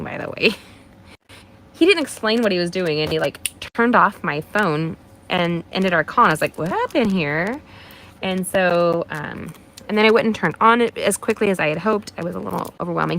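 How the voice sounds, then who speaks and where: There's a faint hiss or hum over this rough recording of a craft demonstrator hosting a live card-making session. She has a medium-pitched voice, slightly nasal due to mild allergies, and she chats warmly with her viewers, calling them by name and encouraging them.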